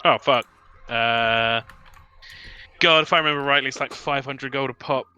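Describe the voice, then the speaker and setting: Very bright, crisp-voiced man gaming. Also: mid-range voice, normal speed, lo-fi sound, soft background music. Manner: sweary, jokey. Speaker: player in a tabletop game. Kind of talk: casual chat.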